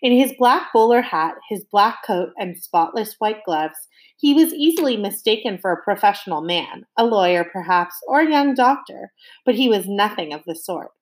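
Reading from a novel for kids, this woman keeps things lively, easing her pace to stress certain moments and pausing to ask the young audience questions. Her voice is mid-range.

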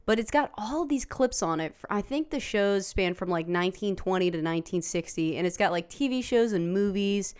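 A woman's voice: medium pitch, lively intonation, normal speed, hardly any pauses, a little mellow, smooth. A woman co-hosting a podcast, chatting casually, blunt and rambling, swearing often. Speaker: podcast co-host. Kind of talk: casual chat.

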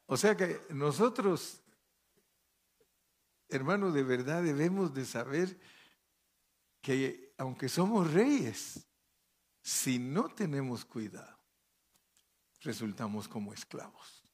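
Guy preaching a sermon real slow, reads the verses then explains em, keeps asking the church if they're with him. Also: mid-range voice, very animated, husky. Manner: checks in with listeners by asking "¿sí?" and "¿verdad?"; reads scripture aloud and comments between verses. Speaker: pastor. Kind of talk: sermon with Bible reading.

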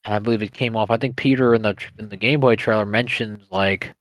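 A man's voice: on the low side, fairly even intonation, fast talker, dry recording. Blunt guy, close dry sound. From Queens, New York. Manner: blunt, sweary, joking. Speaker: podcast co-host. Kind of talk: casual gaming chat.

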